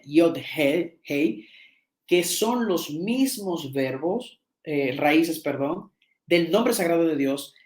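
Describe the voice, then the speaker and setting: A man teaching a seminar, explaining slides and often repeating and restarting words as he checks in with his listeners. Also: high-pitched. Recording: echoey room.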